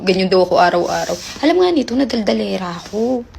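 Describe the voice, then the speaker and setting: Fast-talking chatty woman telling a story. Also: medium pitch, lively intonation, creaky, darkish tone. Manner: chatty, rambling, many fillers. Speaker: caller sharing a relationship story. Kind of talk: casual confessional storytelling.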